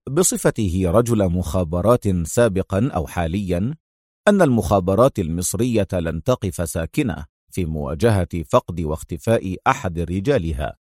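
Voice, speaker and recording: A man voicing a calm, ironic male secret agent who speaks in a low, wryly teasing tone. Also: no room sound, clean studio sound.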